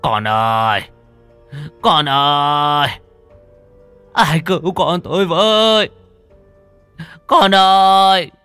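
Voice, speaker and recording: A man's voice: very deep voice, very animated, moderate pace, husky, no room sound, faint music behind, voice pushed down, full character voice. A man voicing a weary, stern old patriarch in a spoken ghost story, crying out in grief and muttering in exhaustion. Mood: anguished.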